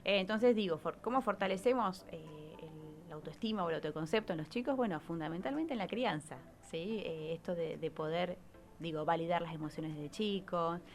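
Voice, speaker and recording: In a radio studio with soft music in the background, a woman psychologist with an Argentine Spanish accent gives conversational, explanatory interview answers, frequently adding brief tag questions for agreement. Her pitch is fairly low and her pace fairly quick.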